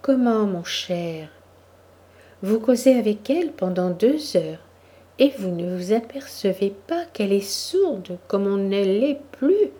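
A woman reader voicing a gossipy society countess who talks briskly and exclaims. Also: medium pitch, lively intonation, dark tone. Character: chatty society countess, middle-aged woman.

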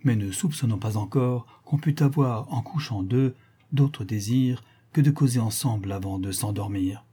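A man narrating a classic novel as an audiobook, in a measured storytelling manner. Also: medium pitch, warm tone, breathy edge.

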